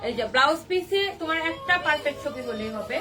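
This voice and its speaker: A young woman hosting a live shopping stream, excitedly gushing over sari colors and reading out buyers' comments. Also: high-pitched, fast talker, distant mic, over music. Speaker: live sale host.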